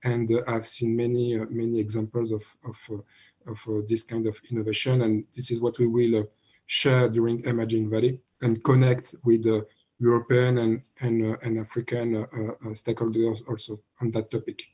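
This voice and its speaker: A man with a French accent speaks on an online panel, stopping often to search for words. His voice is husky and slightly breathy, and his pitch stays flat. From France. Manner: halting, many filler sounds. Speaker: startup event founder.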